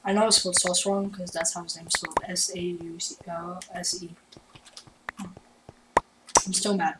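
A woman giving casual gameplay commentary on her channel, chatty and excitable, jumping between loud outbursts and mumbled asides. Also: lowish voice, unhurried. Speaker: gaming channel host. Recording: roomy, distant mic with loud background noise and keyboard clicks.

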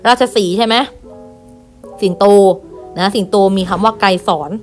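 A woman teacher giving an online lesson to primary pupils, reading words aloud one by one and gently repeating them. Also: mid-range voice, steady tone, moderate pace, soft background music. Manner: patient, reads each word aloud and repeats with gentle "na kha" tags. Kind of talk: online class lesson, reading word lists.

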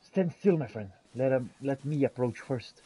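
His voice is medium in pitch, expressive, and mellow with a breathy edge, moving at normal speed. He's a gameplay streamer role-playing aloud over a fantasy game, mixing archaic theatrical phrases with casual asides. The recording is rough.

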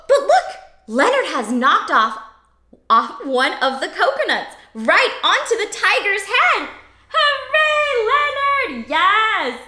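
A young adult woman with a high voice hosts a children's read-aloud, telling an interactive picture-book story for young children at a slow pace. She is animated and exclamatory, full of expressive gasps and questions, and the small, cozy indoor room gives the recording a roomy echo.

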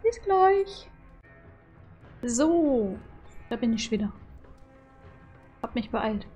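A woman's voice: a little high, takes it slowly, dark tone, slightly rough, soft background music. A woman casually commenting as she streams a video game, muttering playful reactions. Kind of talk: casual live gaming commentary. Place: small indoor room at home.

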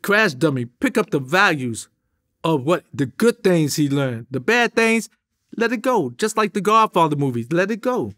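In an indoor studio with a drum kit, a middle-aged New Yorker being interviewed spins animated street stories. His pitch sits fairly high, his tone is a bit bright, and he is very animated at a normal speed. Streetwise and emphatic, he leans on slang and gestures while talking.

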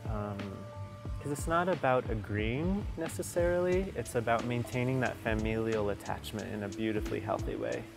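A man's voice: on the low side, normal speed, creaky. A man, a clinician, giving earnest, heartfelt interview answers with a few hesitations. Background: music.

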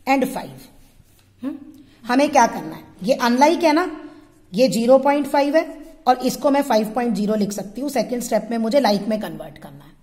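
A woman math teacher with a high voice and a darkish tone patiently explains a lesson at a board, step by step, in classroom tutorial style. She poses questions to her students and answers them herself, her voice carrying a big-room sound.

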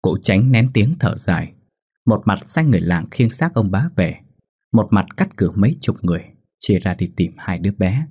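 A man who hosts a ghost story channel, narrating a folk ghost tale in a steady, dramatic manner. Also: lowish voice, moderate pace, husky. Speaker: storyteller host.

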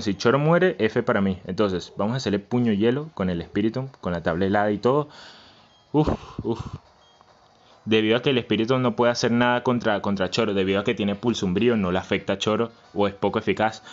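A man hosting a let's-play, chanting and repeating words and swinging between low mutters and yells. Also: lo-fi sound. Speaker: gaming channel host. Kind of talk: excited let's-play commentary.

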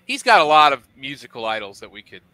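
A man hosting a stream chat, laughing often and animated in his joking. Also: mid-range voice, fast talker. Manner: laughs a lot, jokey and animated. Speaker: host.

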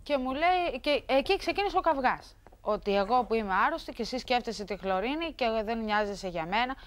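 A woman's voice: on the high side, lively intonation. A woman guest on a television talk show, arguing heatedly with her husband and mimicking what others said. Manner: agitated, quotes others mockingly. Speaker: guest in a couples dispute. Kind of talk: heated studio argument.

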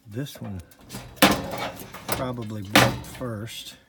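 A man's voice: fairly low pitch, fairly even intonation, drawn-out words, heavy background noise. A man working as an HVAC technician, narrating his service call while filming, thinking aloud in a plain-spoken way from a cramped crawl space. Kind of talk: on-the-job vlog narration.

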